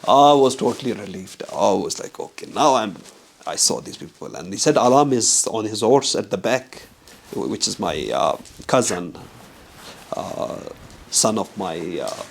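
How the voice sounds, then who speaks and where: Male, gravelly low voice, lively anecdotal teller who plays out the dialogue. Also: normal speed. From Pakistan. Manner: animated storyteller acting out quoted dialogue. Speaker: documentary filmmaker. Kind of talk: casual travel anecdote.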